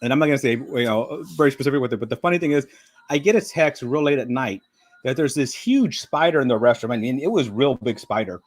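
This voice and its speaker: A middle-aged man rambles through a casual live-stream chat. His pitch sits in an ordinary middle range. He talks in loose, friendly stretches full of fillers and now and then speaks with his mouth full. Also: animated, fast talker. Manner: rambling, chatty, with frequent fillers; talks while eating. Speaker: livestream host.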